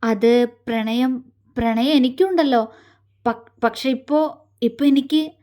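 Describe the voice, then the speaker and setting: A woman voicing a shy young wife in a romantic audio story, speaking softly and hesitantly. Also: sits high, fairly even intonation. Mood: emotional. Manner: hesitant, halting, soft.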